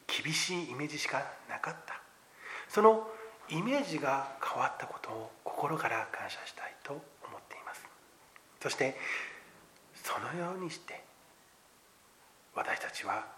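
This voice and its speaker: A man preaching a sermon, shares personal testimony earnestly, then drops to near-whispers and rises to loud emphasis. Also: medium pitch, a little hiss or hum. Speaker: pastor.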